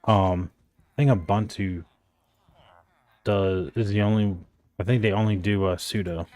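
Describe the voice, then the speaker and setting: Low-voiced man rambling while he games. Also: fairly even intonation, unhurried, darkish tone, no room sound. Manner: rambling and unsure, full of "like" and "I think". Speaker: gaming streamer. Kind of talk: casual chat while gaming.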